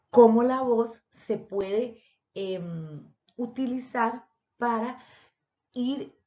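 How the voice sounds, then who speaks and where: A woman teaching a voice lesson, speaking straight to her students as she explains each point. Her voice sits at a middle pitch and comes through a dull, lo-fi recording. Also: a little mellow. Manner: explanatory, addresses students directly. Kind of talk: online voice lesson.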